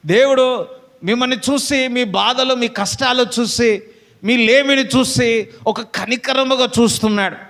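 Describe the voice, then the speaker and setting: Man, pastor, fervent sermon, repeated hallelujahs, high voice, echoing church hall. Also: a bit bright. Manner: fervent preaching, repeated calls of amen and hallelujah. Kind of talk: Telugu sermon to a congregation.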